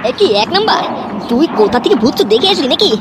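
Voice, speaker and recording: Cocky cartoon thug, voiced by a woman, rapid high squeaky lines, swears constantly, lively, music loud. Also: heavy background noise. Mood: brash. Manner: fast, crude, swaggering. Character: cocky foul-mouthed young male gang member. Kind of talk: comic cartoon dubbing.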